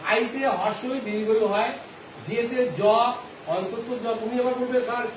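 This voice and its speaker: A man teaching a classroom phonics lesson, with a very high voice. He keeps asking the class questions and drawing each answer out slowly. The room is echoey, with clear background noise. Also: level tone. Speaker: primary school teacher.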